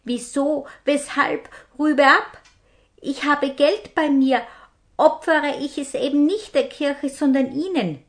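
A woman's voice: sits high, takes it slowly, pitched above the performer's own voice. A woman voicing a frightened young male pilgrim who pleads and apologises. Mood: pleading.

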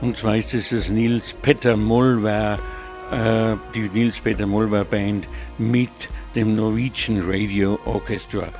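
A man's low, darkish voice comes across slow and flat as he hosts a live music radio program with music behind him. He's speaking spontaneously with a slightly blocked nose, hesitating, straying from the point and correcting himself a lot.

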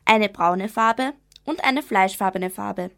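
A young woman reading a children's story aloud for radio in a calm, measured way. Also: medium pitch, creaky. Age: young adult. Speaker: narrator.

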